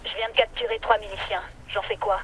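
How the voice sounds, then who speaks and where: A brisk, matter-of-fact enemy officer reports in over a helmet radio in a game. Her voice sounds distant from the mic, with a faint hiss behind it. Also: mid-range voice, level tone, fairly bright tone. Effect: radio transmission from a helmet radio.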